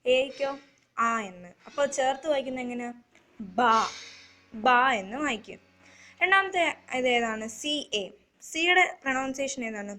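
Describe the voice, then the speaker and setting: A young woman teaching children letter sounds, slowly and repetitively, asking questions and answering them herself. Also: high voice, pushed and bright. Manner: slow, repetitive, asks and answers her own questions. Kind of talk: phonics lesson for children.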